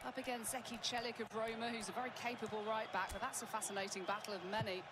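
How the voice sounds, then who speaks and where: A woman giving measured, informative football play-by-play commentary. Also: fairly high pitch, flat delivery. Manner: measured, informative, rising on attacks. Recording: game audio under loud background noise.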